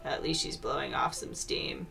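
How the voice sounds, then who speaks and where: A woman's voice: a bass voice, steady tone, normal speed, gravelly, bright, forceful tone, faint music behind. A woman streamer chatting casually while playing, with dry, joking asides. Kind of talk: casual gaming chat.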